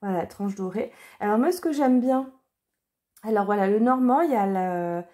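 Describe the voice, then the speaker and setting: Femme hésitante, voix feutrée. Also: female voice, medium pitch, lively intonation, moderate pace, mellow. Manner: hesitant, many fillers and restarts. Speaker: card reader and deck reviewer. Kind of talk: casual chat.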